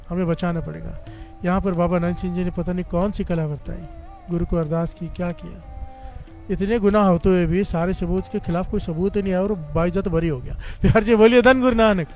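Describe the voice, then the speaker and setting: A man's voice: sits high, a little mellow. A man giving a fervent Sikh sermon. He tells a story and keeps calling on the congregation to respond. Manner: fervent storytelling, often leading the congregation in "dhan guru nanak". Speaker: Sikh preacher giving katha. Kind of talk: devotional sermon with call-and-response.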